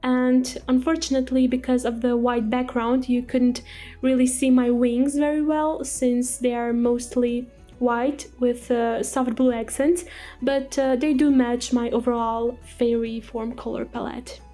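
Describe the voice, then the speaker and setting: A woman's voice: fairly high pitch, little pitch movement, unhurried, mellow, soft background music. A young woman from Croatia, hosting a casual game voice-over and chatting in an upbeat way with small laughs. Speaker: Sims builder and channel host.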